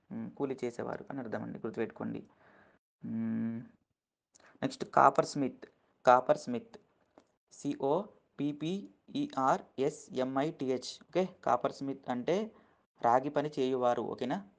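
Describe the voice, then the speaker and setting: A man's voice: mid-range voice, moderate pace, vocal fry. A man teaching English vocabulary in Telugu, spelling each word letter by letter and keeping on asking his listeners if they follow. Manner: keeps asking "okay?" after each point, spells words letter by letter; earnest, gets emotional while lecturing. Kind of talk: casual lesson explaining words in Telugu.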